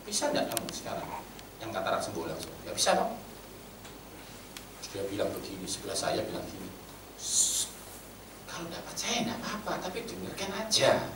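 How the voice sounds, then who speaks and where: A man preaching a sermon in Javanese-tinged Indonesian, blunt and animated, swinging between loud outbursts and hushed asides. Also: lowish voice. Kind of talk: sermon with storytelling. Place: church meeting hall. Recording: roomy echo, from a distance, faint background hum.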